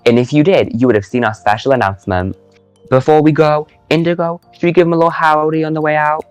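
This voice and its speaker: A man's voice: a little high, fairly even intonation, fast, a little mellow, clean tone, no room sound, soft background music. A man hosting a casual recap show, playful and teasing, drawing out words for effect. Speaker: host.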